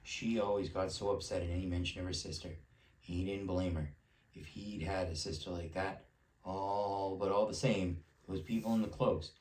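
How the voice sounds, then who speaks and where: A dad reads a bedtime storybook aloud in a relaxed, unhurried way. His voice is low and deep. The sound is roomy, with the mic at a distance and faint noise behind him. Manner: relaxed, breaks off to chat with child. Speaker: parent reading a bedtime story.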